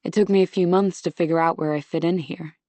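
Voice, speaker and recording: A woman's voice: lowish voice, steady tone, fast, mellow, no echo, natural voice. A woman reading the lines of a charming, kind young male college swimmer who talks in a friendly, easy and confident way. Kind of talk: audiobook dialogue.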